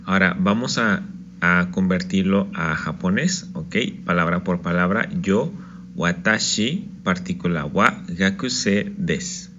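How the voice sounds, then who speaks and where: A man's voice: deep voice, slow, fairly bright tone, lo-fi sound, a little hiss or hum. A man teaching an online Japanese lesson, patiently explaining step by step and often checking in with "ok?".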